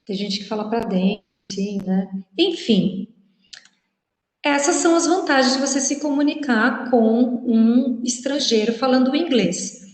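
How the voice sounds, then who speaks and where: A woman with a slightly high voice gives an informal lecture with slides, chatting with her students. She often checks in with them and acts out what people say. The room rings with a long reverb. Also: unhurried. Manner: chatty, frequent "né?" tags, acts out quoted speech. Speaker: teacher giving a presentation.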